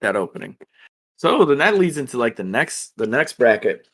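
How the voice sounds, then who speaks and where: A man's voice: mid-range voice, very animated, normal speed, fairly bright tone, breathy edge. A man co-hosting a podcast, chatting in a casual, upbeat way and laughing often. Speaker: podcast co-host. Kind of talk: casual chat.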